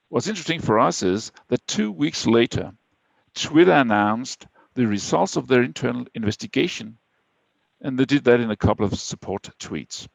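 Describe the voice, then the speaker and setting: Speaking English with a Danish accent, a man from Denmark delivers a prepared webinar presentation at a measured, somewhat halting pace. He has a gravelly mid-range voice, captured lo-fi with no room sound.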